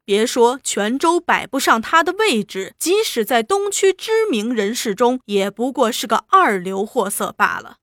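A woman narrating a novel with an expressive, dramatic storytelling delivery. Her voice sits fairly high and swings through a wide, animated range. The recording is close and dry. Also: a little slow, hardly any pauses, no echo. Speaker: audiobook narrator.

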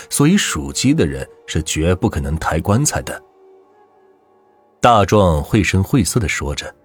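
A man tells a folk ghost story in a deep, rough, husky voice, chatty and full of sighing fillers. His pitch swings in a lively way, and the sound is close and dry, with soft music beneath. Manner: conversational with filler sighs.

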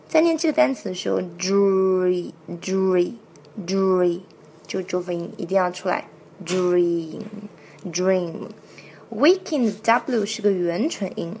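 A woman teaching how to sing a song, explaining sounds in detail and repeating each word slowly several times to demonstrate. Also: medium pitch, vocal fry, a little hiss or hum. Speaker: singing and pronunciation teacher. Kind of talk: step-by-step song pronunciation lesson.

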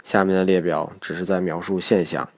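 A man narrating a recorded lesson on English pronunciation in a measured, methodical way. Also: deep voice, level tone.

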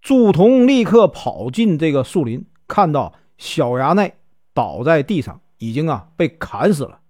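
A man's voice: a little high, big pitch swings, measured pace, warm tone, no room sound, clean studio sound. A man with a Northeastern Mandarin accent telling a classic tale in a folksy, casual way, with many small fillers. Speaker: storyteller. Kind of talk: casual storytelling narration.

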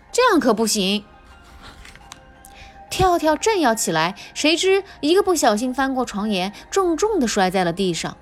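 A woman reads a bedtime picture book aloud to children in an expressive, sing-song way. Her voice is high and rises and falls a great deal. Soft music plays faintly underneath. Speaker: mother reading picture books to kids. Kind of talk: children's storybook narration.

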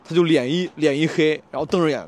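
A young man talks to camera in a casual vlog, racing through a story at high speed. His voice sits a little high, and he is animated and slangy, tripping over words and restarting sentences as he goes. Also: fast talker. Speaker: stand-up comedian vlogger.

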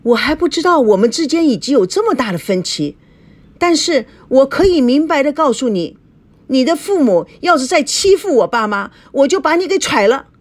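A proud, quick-tempered young fiancé argues in an indignant voice that leaps up and down, as a woman reads him aloud. He stays heated and resentful in this spoken story. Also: high-pitched, animated, voice pushed up. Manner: indignant, angry.

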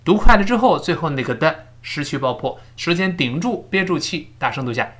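A man teaching English pronunciation in a recorded lesson, drilling phrases slowly and explaining sounds step by step. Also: on the high side, animated, a bit bright.

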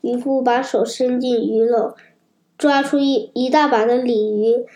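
A woman narrating a children's story aloud in a lively, expressive storytelling way. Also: on the high side, unhurried.

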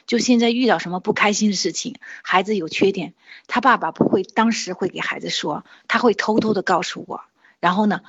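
A woman in her forties tells her own story in an earnest, unscripted way, pausing and restarting as she goes. Her voice is a bit husky, and the recording sounds muffled and lo-fi. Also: fairly low pitch. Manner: earnest, with frequent hesitations and restarts. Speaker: parent sharing a testimonial. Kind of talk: personal testimony, casual monologue.

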